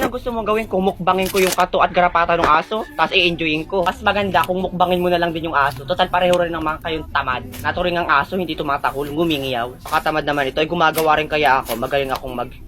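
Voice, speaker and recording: A woman rattles off a one-person comedy skit, flipping between squabbling characters with a sharp, sassy tongue. She talks quickly, and a clear hiss of noise runs under her voice throughout. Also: lowish voice. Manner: sassy, bickering, insult-trading.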